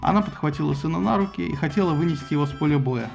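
A man narrating a humorous myth retelling in a wry, lively storytelling manner. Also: on the high side, racing, creaky, soft background music.

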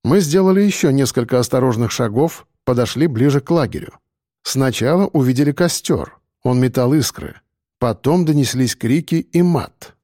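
A man narrating a tense first-person audiobook in a steady storytelling manner. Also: mid-range voice, moderate pace, dry recording, studio quality.

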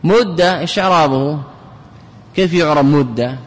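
Lecturing in class, this sheikh drills Arabic grammar by saying examples aloud again and testing his pupils. He speaks at a moderate pace with a fairly high pitch, captured in an echoing hall with slight background noise.

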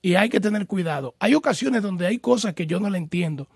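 Male pastor-host, patient teacher type, high-ish husky gravelly voice, dry close sound. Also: animated, brisk, a little mellow, no room sound. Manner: patient, explanatory, teaches with homely examples; addresses the caller formally as brother. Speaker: pastor hosting a call-in program. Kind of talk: radio call-in Bible questions and answers.

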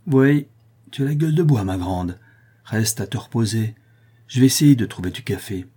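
A man voicing a caring, practical friend who speaks in a reassuring, brisk way in a read-aloud story. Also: lowish voice, lively intonation, dark tone, breathy edge.

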